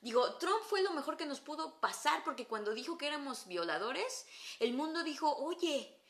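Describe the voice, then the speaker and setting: A woman with a Mexican accent, an English teacher, talking in a casual, animated conversation and swearing freely with slang. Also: high-pitched, normal speed, reverberant.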